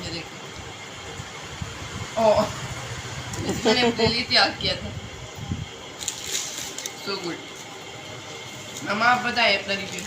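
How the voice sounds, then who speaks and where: A woman's voice: medium pitch, slow, long pauses, noisy background. A woman chatting casually to her viewers as friends in a home vlog, filmed on a phone. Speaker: family vlogger. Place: family home indoors.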